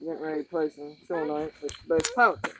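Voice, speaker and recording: A woman playing a co-op game with her brother, chatting casually in a dry, low-key, teasing way. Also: animated, fast talker, fairly bright tone, poor audio. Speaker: co-op player, host's sister. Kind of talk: casual gameplay chat.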